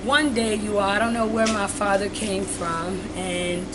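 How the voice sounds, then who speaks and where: Haitian woman vlogger, earnest, middle-pitched, over heavy room noise and air conditioning hum. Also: fairly even intonation, measured pace. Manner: earnest, addresses viewers as "you all" often; switches between English and Haitian Creole. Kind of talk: personal testimony to camera.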